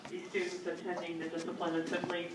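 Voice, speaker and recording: A woman making a formal announcement over a school intercom loudspeaker, heard in a classroom, brisk and flat in delivery. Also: lowish voice. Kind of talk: formal public address announcement. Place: classroom, heard from a wall speaker. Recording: echoey, distant intercom speaker with noise.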